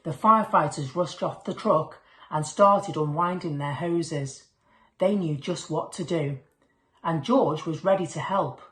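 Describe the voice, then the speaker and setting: This storyteller is a woman with a deep voice who reads a children's picture book without hurrying. Expressive throughout, she acts out both the dialogue and the sound words, recorded in an echoey room.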